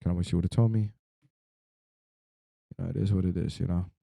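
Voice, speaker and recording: A man's voice: sits low, steady tone, brisk, creaky, dark tone, no room sound, clean studio sound. A young man, sleep-deprived and drowsy, rambling casually through a personal story in loose slang with some swearing.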